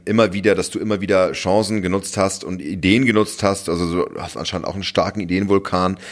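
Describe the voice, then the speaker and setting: A man hosting a podcast interview, asking long rambling questions full of fillers. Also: low-pitched. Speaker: podcast host.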